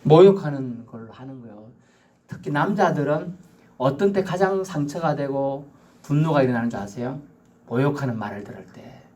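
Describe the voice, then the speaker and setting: A male pastor with a Gyeongsang accent preaching a sermon in a church, joking with the congregation and acting out quoted voices. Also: medium pitch. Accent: Gyeongsang Korean. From Gyeongsang region of Korea. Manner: animated, jokey preaching that acts out quoted voices. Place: church sanctuary.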